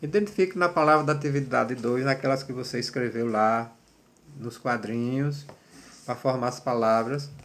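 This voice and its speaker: A man's voice: mid-range voice, normal speed, fairly bright tone, a little hiss or hum. A man teaching a third-grade language lesson, patiently spelling out syllables and praising pupils. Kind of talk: remote classroom lesson.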